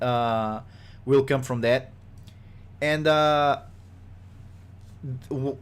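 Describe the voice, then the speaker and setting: Game developer, male, medium pitch; rambling, restart-heavy casual podcast talk, exasperated tone. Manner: rambling, frequent fillers and restarts; exasperated at rumors.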